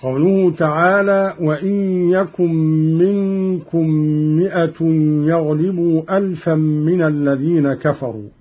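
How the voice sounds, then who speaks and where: Male Quran teacher, high-pitched and slow-paced, measured explanations with drawn-out recitation, dull radio-archive sound. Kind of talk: explaining Quran reading variants with recited examples.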